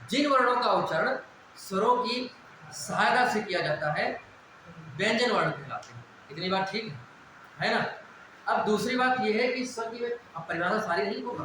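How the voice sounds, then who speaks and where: In a high-pitched, sharp voice, a male teacher gives a classroom lecture on Hindi grammar, asking his own questions, answering them, and going over the main points again. The room is very echoey, and background noise can be heard.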